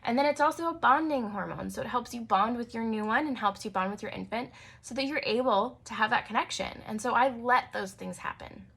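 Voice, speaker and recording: A young adult woman, a naturopathic doctor, hosts her own podcast alone, chatting casually with lots of fillers and light laughter. Her voice is somewhat high, slightly fast, a bit bright and husky, with vocal fry.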